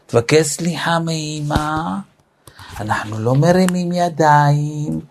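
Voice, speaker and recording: A male Torah teacher delivering a weekly lesson. He speaks with a fairly high voice and a lively, animated delivery. He acts out little family scenes to make his points. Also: a little hiss or hum.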